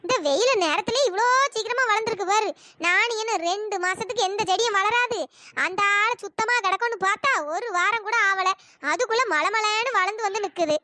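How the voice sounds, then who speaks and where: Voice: fairly quick, bright, forceful tone, no room sound, studio quality. A grumbling cartoon village woman. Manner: grumbling, scolding, talks to herself. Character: grumbling village woman, Chellathayakka, fussy, bossy neighbor. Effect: pitch-shifted up. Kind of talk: cartoon voice acting.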